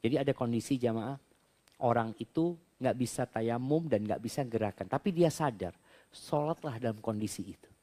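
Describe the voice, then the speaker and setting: A male preacher at a question-and-answer religious talk, speaking at an ordinary male pitch. He reads the questions aloud and then works through each answer in an easygoing, conversational manner, explaining step by step. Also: normal speed, mellow.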